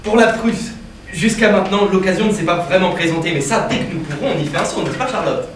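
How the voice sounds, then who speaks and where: A man's voice: sits high, quick pace, lightly acted. Man playing an obsequious bourgeois husband, echoey hall. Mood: eager to please. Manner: ingratiating, hesitant, repeats himself. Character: obsequious, flustered bourgeois husband hosting a dinner. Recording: echoey, distant, noisy hall recording.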